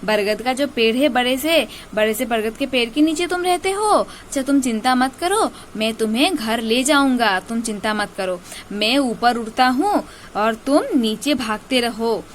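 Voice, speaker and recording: A woman's voice: a little high, lively intonation, unhurried, a little hiss or hum. A woman teacher voicing a kind male owl who reassures a lost fawn in a storybook tale. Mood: reassuring. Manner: reassuring, coaxing.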